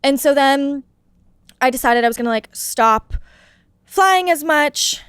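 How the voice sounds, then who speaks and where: Her voice is high and animated with a fairly bright tone, and she speaks a little slowly, with no room sound. This young woman is a podcast guest in casual chat, full of "like" fillers and frequent laughs.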